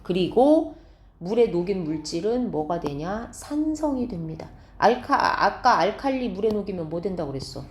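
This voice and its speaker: A woman's voice: mid-range voice, sing-song, a little hiss or hum. Woman teacher in an echoey classroom. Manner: explains step by step, asks students quick check questions. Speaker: science teacher. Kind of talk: classroom lecture.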